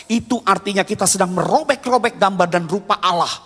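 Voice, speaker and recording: A man in his fifties preaching a sermon as a pastor, telling stories with animated swings between loud and hushed. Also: high-pitched, a little fast, slightly rough. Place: church. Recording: long reverb of a church hall.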